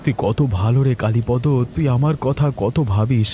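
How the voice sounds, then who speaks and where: A man's voice: mid-range voice, moderate pace, warm tone, slight background noise, close to an everyday voice. A man voicing a poor, kind-hearted ox-cart driver in a cartoon, earnest and worried. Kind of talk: Bengali cartoon voice acting.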